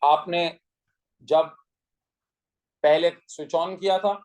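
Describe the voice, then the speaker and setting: A man with a fairly high voice teaches physics in Hindi, sprinkling in English technical terms, patiently explaining every step and firing rhetorical questions at his students. He speaks slowly with fairly even intonation and a slightly mellow quality, though the recording is rough.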